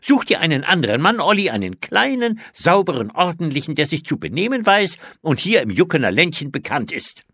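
A man voicing a strict, indignant elderly aunt who scolds in a shrill, raised voice. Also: sing-song, a little fast, few pauses, a bit bright, slightly rough, dry recording, studio quality, exaggerated voice. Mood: stern.

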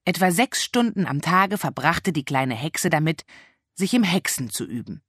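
Storybook reader, husky voice, lots of up and down, dry close sound. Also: mid-range voice, normal speed, no room sound. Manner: lively, expressive storytelling. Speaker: narrator. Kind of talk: audiobook reading of a children's story.

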